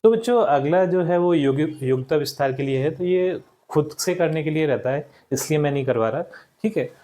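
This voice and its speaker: A young adult male teacher giving a recorded lesson to schoolchildren, repeating each word slowly and checking in with the class after each point. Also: fairly high pitch, expressive, warm tone. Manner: addresses the class as children, checks with "ठीक".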